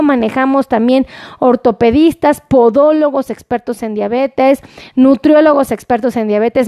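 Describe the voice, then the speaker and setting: A high-pitched woman talks to her live viewers as a doctor, chatty and playful. Her voice sounds close and dry, with no room around it. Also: warm tone, dry recording. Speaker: doctor and diabetes specialist. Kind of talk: live-streamed health talk. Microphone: phone.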